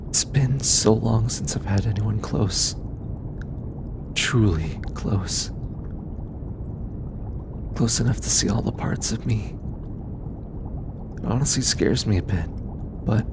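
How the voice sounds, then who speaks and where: In an intimate roleplay audio, a man plays a gentle, shy, affectionate alien scientist, speaking tenderly and hesitantly in formal, earnest phrases. His voice is on the low side and creaky, and the background is noisy.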